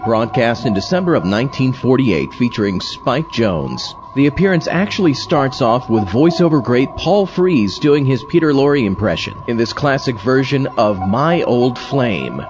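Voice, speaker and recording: A man hosting a podcast, presenting in a measured, informative way. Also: medium pitch, muffled recording. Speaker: podcast host. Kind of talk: scripted narration.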